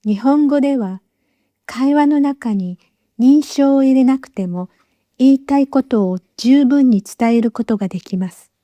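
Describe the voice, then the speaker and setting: A woman teacher giving a scripted lesson, speaking slowly and carefully with clearly spaced phrases, recorded as a voice-over. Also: sits high, dark tone, no room sound. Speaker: Japanese teacher.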